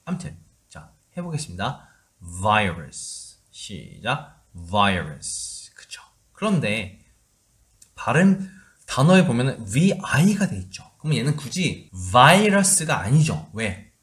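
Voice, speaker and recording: A man's voice: mid-range voice, sing-song, measured pace. A man teaching English pronunciation, leading students through repeat-after-me drills.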